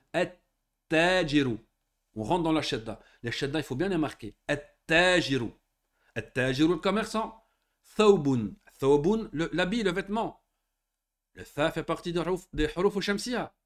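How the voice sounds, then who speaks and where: A male teacher leads a beginners' lesson with a fairly high, animated voice that jumps around a lot. He chats casually between examples. He then slows right down to drag out and repeat each model word. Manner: slow drawn-out model pronunciations repeated twice; chatty asides with tag questions. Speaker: Arabic reading teacher. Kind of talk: classroom lesson explaining Arabic letters in French.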